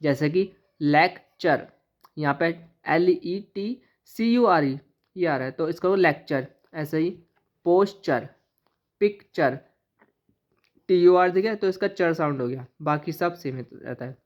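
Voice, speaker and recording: Low-voiced woman teaching pronunciation. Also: a little mellow. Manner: spells out letters, then says words slowly and deliberately. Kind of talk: classroom-style lesson explaining pronunciation. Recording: slightly dull, lo-fi recording.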